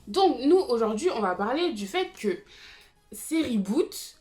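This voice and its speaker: A woman's voice: fairly high pitch, very animated, takes it slowly, a little mellow, soft background music. A woman in her twenties chatting casually to viewers about TV series, with frequent fillers and asides. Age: 20s. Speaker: YouTube TV series commentator. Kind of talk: casual explainer vlog.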